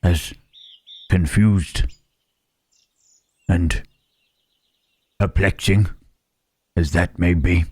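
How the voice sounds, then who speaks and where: A man voicing a gentle, melancholy monster in an ASMR roleplay, speaking haltingly and pensively in formal phrases with questioning hums. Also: steady tone, no echo, full character voice. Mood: musing, puzzled. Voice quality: low, husky. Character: gentle, melancholy Frankenstein's monster, male, pondering his soul.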